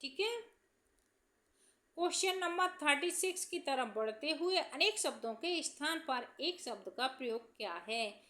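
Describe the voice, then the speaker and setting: Lively high-voiced woman reading exam answers. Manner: reads each question, then answers it slowly, listing examples. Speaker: teacher.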